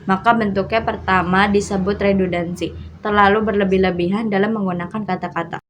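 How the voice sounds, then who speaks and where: A young woman, a university student, reading out definitions and examples in a class presentation in a steady, careful way. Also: medium pitch, brisk, slight background noise. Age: young adult. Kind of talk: reading a lecture on semantics.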